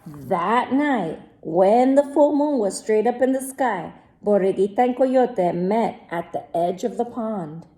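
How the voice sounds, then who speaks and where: A woman teacher reading a picture book aloud to her class, gentle and clear. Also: mid-range voice, expressive, takes it slowly, few pauses. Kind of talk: read-aloud storytelling.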